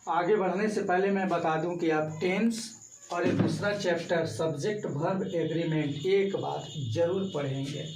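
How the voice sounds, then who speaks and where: A man teaching an exam-prep grammar lesson, explaining each answer option slowly and step by step. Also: high voice, noisy background. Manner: slow, explanatory, walks through each option. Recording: echoey room, mic far off.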